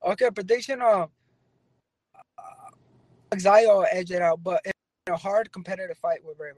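A man's voice: high voice, normal speed, darkish tone, dry recording, rough recording. A young male boxer talking casually from a car, over a cell phone connection that keeps breaking up, with lots of "you know". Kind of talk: casual interview answers. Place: in a car leaving the gym.

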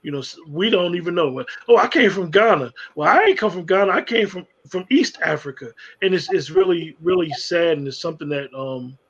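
A man with a high, husky voice talks emphatically in a casual conversation. He stacks repeated words as he pushes his point. The recording sounds dull and lo-fi. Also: lively intonation, brisk, few pauses. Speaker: podcast co-host.

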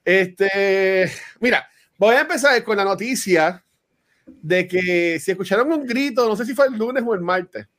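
High-voiced Puerto Rican man rambling. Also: a little slow. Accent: Puerto Rican Spanish. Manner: excitable, rambling with many fillers. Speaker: podcast host. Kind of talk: casual chat.

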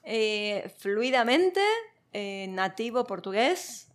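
An Argentine woman, a guest in a conversational interview, speaks slowly at medium pitch in an animated voice. She sounds reflective, using many fillers and light laughs.

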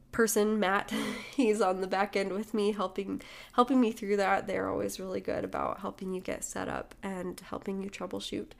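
Young woman podcaster, cheery and encouraging, kinda nasally from a cold, laughs a lot, medium pitch. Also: vocal fry. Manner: upbeat and encouraging, laughs often. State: slightly nasal from a recent cold. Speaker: podcast host and small business owner. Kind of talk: casual solo podcast monologue.

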